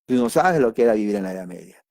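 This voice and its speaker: A man's voice: on the low side, expressive, racing, a little mellow, no room sound, clean studio sound. A man giving an informal Bible study lesson, talking conversationally and addressing listeners directly, with emphatic asides. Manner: emphatic asides and sudden exclamations. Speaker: Bible teacher.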